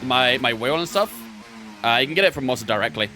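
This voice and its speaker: A man's voice: mid-range voice, expressive, quick pace, sharp tone, faint music behind. A young man streaming a racing game from his bedroom, chatting with viewers between laps. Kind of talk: casual live-stream chat while racing.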